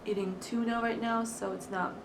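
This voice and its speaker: Eating while she chats, this young female vlogger, a native Russian speaker from Crimea, Ukraine, giggles and uses plenty of fillers. She talks at a moderate pace in a steady tone, with a voice on the high side. A far-off mic picks her up in an echoey room, with hiss.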